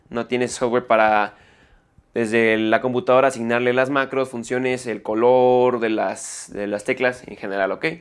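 A man's voice: mid-range voice, a bit bright, smooth. A man reviewing a gaming keyboard in a hands-on tutorial, explaining step by step and often checking in with "ok?" after each point. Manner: self-correcting mid-sentence. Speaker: tech reviewer.

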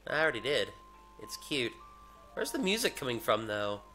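A man's voice: mid-range voice, sing-song, normal speed, pushed and bright, soft background music. A man giving casual commentary while playing a video game. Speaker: gaming video host.

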